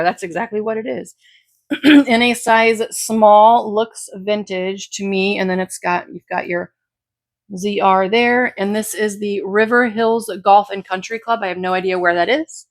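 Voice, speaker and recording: Chatty woman with a slightly raspy voice. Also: medium pitch, no echo. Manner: chatty, rambling, self-correcting. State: slightly raspy from talking all day. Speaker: clothing reseller. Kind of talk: casual haul vlog. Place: at home beside a pile of clothes.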